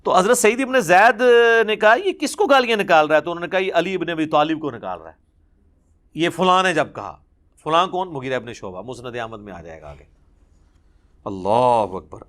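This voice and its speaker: A man's voice: fairly high pitch, animated, a bit bright. A man giving an impassioned religious lecture, recounting traditions with emphatic repetition in touched by a lilt. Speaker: religious speaker.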